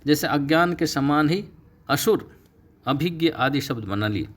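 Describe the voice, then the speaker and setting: A middle-aged man teaching a Sanskrit class, explaining steadily and slowing down to stress key terms. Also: on the high side, expressive. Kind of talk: recorded online lecture.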